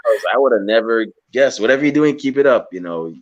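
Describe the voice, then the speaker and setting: A young man from Guyana interviewing a guest in a relaxed, rambling way, often restarting his sentences. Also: mid-range voice, highs cut off. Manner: rambling, halting with many restarts. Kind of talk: casual interview chat.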